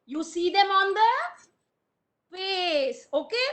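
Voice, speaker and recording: Slow sing-song teacher woman, very high and bright. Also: expressive. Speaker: preschool teacher. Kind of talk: online preschool class.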